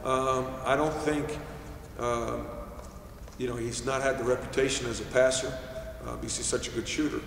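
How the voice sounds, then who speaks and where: A middle-aged man from New York, a basketball head coach answering postgame questions at a press table in a measured way, with many fillers and restarts. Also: medium pitch, steady tone, creaky, a bit bright. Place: press room, seated at table. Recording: echoey room, distant mic, faint hiss.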